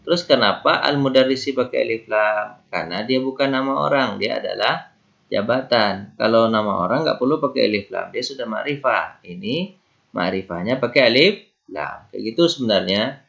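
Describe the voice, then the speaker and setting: A male teacher explains grammar patiently at a mid pitch, stopping to ask his listeners questions and answer them himself. He builds each point with everyday examples. The recording is dull and lo-fi. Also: expressive, normal speed, creaky, a bit bright. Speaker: Arabic teacher. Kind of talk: grammar lesson.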